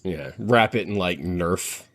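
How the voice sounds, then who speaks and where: A podcast host with a very low voice leads a relaxed group chat. He takes it slowly, rambling and hesitating as he feels his way through each thought in casual, unpolished talk.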